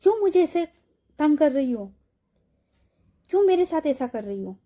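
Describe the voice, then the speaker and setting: A woman voicing a frightened young woman who pleads anxiously, in a high, mellow voice. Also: big pitch swings, normal speed. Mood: pleading.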